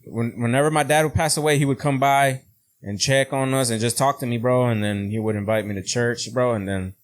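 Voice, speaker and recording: Informal, mid-pitched man chatting. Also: steady tone, brisk. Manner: informal, slangy, often saying "bro". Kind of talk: casual podcast chat.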